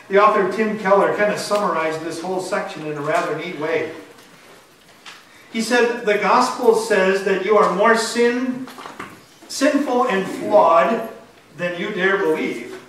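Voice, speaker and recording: A pastor preaching a sermon in a church sanctuary, earnest and emphatic, often asking the congregation rhetorical questions. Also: male voice, high-pitched, fairly bright tone, a little hiss or hum. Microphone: far camera. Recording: echoey church from far off.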